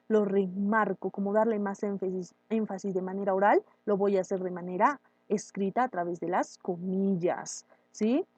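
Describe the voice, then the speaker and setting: A woman teaching a grammar lesson, explaining step by step and checking in often with quick questions. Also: mid-range voice, darkish tone, dry recording, highs cut off.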